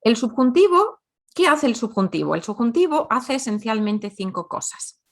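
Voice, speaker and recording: A woman's voice: on the high side, very animated. Woman teaching grammar with patient examples. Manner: explains slowly with repeated example sentences. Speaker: Spanish teacher. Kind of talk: grammar lesson.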